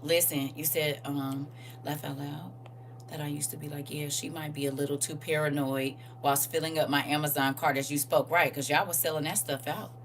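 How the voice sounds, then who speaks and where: A woman in her forties hosting a casual livestream, animated and teasing as she reads viewer comments aloud. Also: deep voice, moderate pace, far from the mic, a little hiss or hum.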